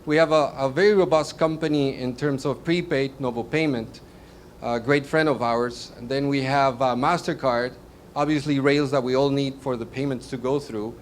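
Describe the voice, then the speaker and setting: A man's voice: medium pitch, fairly even intonation. Guy opening a meetup panel on a stage mic, stop-start talk, faint hiss behind. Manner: halting, many restarts and fillers. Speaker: event host introducing a panel. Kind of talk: live event introduction. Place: meetup event venue.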